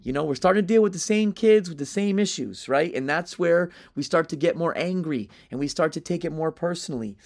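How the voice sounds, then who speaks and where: A man's voice: a little high, a little fast, gravelly, few pauses. A man teaching fellow educators in a conversational way, often checking in with "right?" and restarting his sentences. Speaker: teacher training other teachers. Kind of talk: instructional talk to educators.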